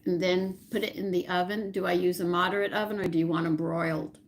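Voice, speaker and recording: Hosting a home cooking live stream, a woman chats casually with viewers and rambles as she tries to recall things. She talks fast in a fairly low, flat voice, and there is a little hiss or hum in the audio.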